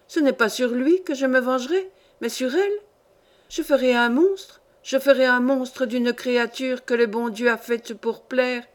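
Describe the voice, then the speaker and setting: A woman with a fairly high, natural voice reads a story aloud as an audiobook. She voices an indignant, worldly old grandmother who lectures her granddaughter with scorn in a sweeping tirade.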